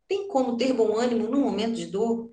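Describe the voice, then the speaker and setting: A middle-aged Brazilian woman gives a spiritist lecture in a fairly high voice. She talks in a conversational way, with rhetorical questions for the audience. The sound has the roomy echo of a lecture hall. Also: brisk, mellow. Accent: Brazilian Portuguese. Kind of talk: doctrinal lecture.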